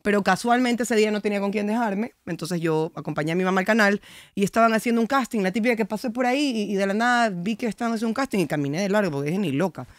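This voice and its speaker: A young woman with an Ecuadorian accent, chatting as a guest on a podcast and telling stories in a lively, slangy way. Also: medium pitch, very fast, dry recording. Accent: Ecuadorian Spanish. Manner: lively, animated storytelling with slangy asides. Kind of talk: casual interview chat.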